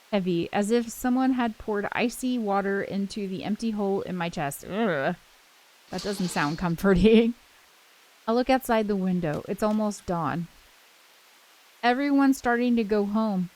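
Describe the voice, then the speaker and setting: Game soundtrack music plays under this rough recording of a gaming channel host. She alternates between relaxed talk and reading lines from a visual novel aloud, in a medium-pitched voice that's slightly mellow.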